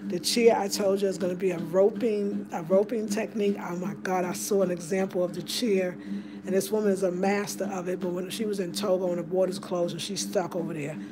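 A woman giving a chatty, excitable home tour to her viewers, filmed on a handheld phone in a small room. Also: fairly low pitch, fairly quick, noisy background. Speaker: home decor vlogger. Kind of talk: casual home tour vlog. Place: small room of a house indoors. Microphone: handheld phone camera.

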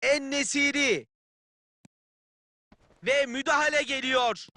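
An actor playing a keen football play-by-play announcer in a video game, calling the match in clipped phrases. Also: male voice, very high voice, slow pace, bright, forceful tone, no echo, exaggerated voice. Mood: keen, tense.

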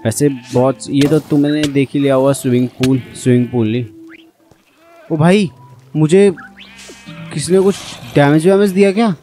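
A man's voice: on the high side, normal speed, pauses often, warm tone, faint music behind. Chatty man narrating gameplay. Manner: chatty, addresses viewers as brother. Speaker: gaming channel host. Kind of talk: casual gameplay commentary.

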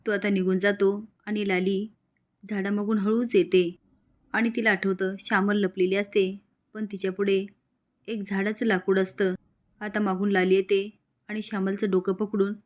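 A woman narrating a recap of a TV serial in a steady, matter-of-fact storytelling way. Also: mid-range voice.

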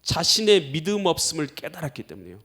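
A man's voice: on the high side, sing-song, fast talker, pushed and bright. A middle-aged male pastor preaching a sermon with emphatic delivery, often calling out to the congregation and acting out prayers.

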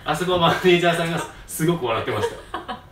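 関西なまりの若い男性ホストが、場面を声色で演じながら笑い混じりにくだけた調子で作品愛を語る。. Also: male voice, a little high, racing, a little hiss or hum. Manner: excitable, acts out scenes in voices, laughs often. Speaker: host. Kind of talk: casual fan talk. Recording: roomy echo, distant mic.

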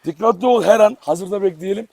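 A man's voice: high-pitched, fast talker, gravelly, darkish tone, no echo. A man hosting a casual dog-farm vlog outdoors, chatting to viewers and coaxing his dogs affectionately. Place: outdoor yard. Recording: noisy outdoor recording.

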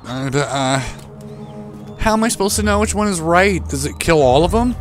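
A man's voice: fairly high pitch, animated, moderate pace, soft background music. A young man commentating a horror game he is playing, swearing often and yelping in panic when monsters appear. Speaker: game streamer.

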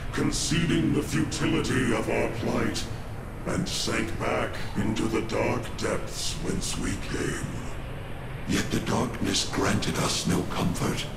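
A man's voice: medium pitch, gravelly. An actor voicing a vengeful ancient male spirit, speaking with grave, solemn storytelling in a game cutscene. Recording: echoey with loud background noise.

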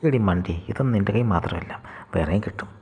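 Brief: a man doing a scolding mother, storybook, low, long reverb. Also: lively intonation, fast, darkish tone, breathy edge. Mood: chiding. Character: scolding middle-aged mother.

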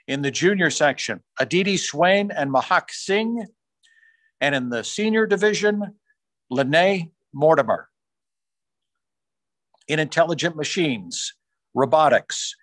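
A man formally reading out science fair award winners on a video call, rising in pitch on each school name. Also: fairly bright tone, no echo. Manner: measured, formal announcing, rising on school names. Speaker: awards announcer. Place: small room on a video call. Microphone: video call microphone.

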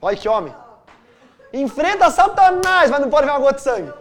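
Animated Brazilian pastor teaching. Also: male voice, very high-pitched, brisk. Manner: animated storytelling with wide swings of loudness. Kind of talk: Bible study teaching.

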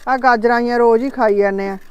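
Woman doing a fretful middle-aged mother, homely scolding talk, slightly high, dry close sound. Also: fairly even intonation, fast, clean tone, no echo, muffled recording, close to an everyday voice. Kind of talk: village family drama acting.

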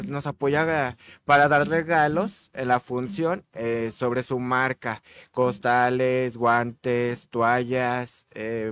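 A man's voice: medium pitch, fairly bright tone, smooth, no echo, clean studio sound. A masked male wrestler with a Mexican accent, speaking casually as a podcast guest and talking in an easygoing, hesitant way with many fillers. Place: indoor studio set with a backdrop. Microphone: table microphone on a stand.

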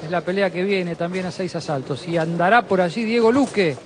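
A man's voice: sits high, a little fast. A man giving conversational live analysis as a boxing commentator. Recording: clear ringside venue noise behind.

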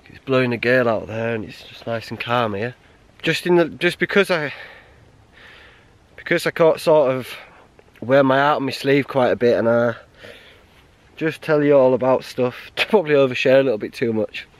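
An English hiking vlogger in his thirties, medium-pitched, talks casually to a camera held close at arm's length while sheltering behind a stone wall on a windy winter mountain. He sounds subdued and halting, restarting often, and wind hits the mic, though the recording is otherwise dry.

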